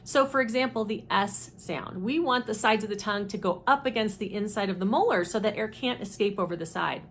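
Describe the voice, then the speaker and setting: A woman speech therapist giving a deliberate, methodical instructional explanation of a teaching method. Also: medium pitch, fairly bright tone, slight background noise. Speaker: speech therapist presenting her own teaching deck.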